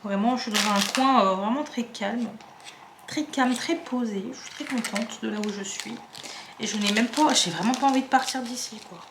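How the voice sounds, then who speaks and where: This clip features the same kind of speaker: a twentysomething woman from the Paris suburbs who vlogs about crafts, rambling casually and interrupting herself as she organizes supplies at home. Her pitch is fairly high and her pace moderate. There's background noise, and the room echoes.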